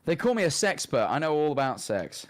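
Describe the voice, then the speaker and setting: A man's voice: on the high side, big pitch swings, a little fast. A man in casual comedic chat as a co-host, with dry, self-deprecating humour. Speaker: co-host reading listener confessions.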